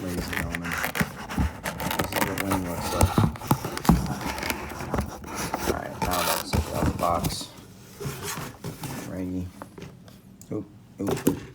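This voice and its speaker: Over heavy background noise, an Atlanta-born man runs his own esports news vlog, addressing the camera in a low, hoarse, worn-out voice. He's casual and enthusiastic, habitually repeating words to stress them.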